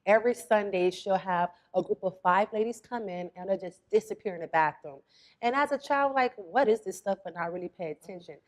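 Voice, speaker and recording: Young adult woman from Florida, interview guest, relaxed storyteller, mid-pitched voice. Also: a little fast. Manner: relaxed storytelling, quotes her mother. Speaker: spa owner, guest. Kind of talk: casual interview talk.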